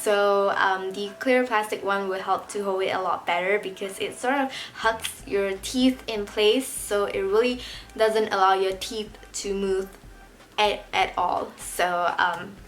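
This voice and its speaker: A woman's voice: medium pitch, fairly even intonation, a little slow, faint music behind. A young adult woman talking casually as a vlogger, sharing personal experience in an informal way. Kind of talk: casual chat to camera.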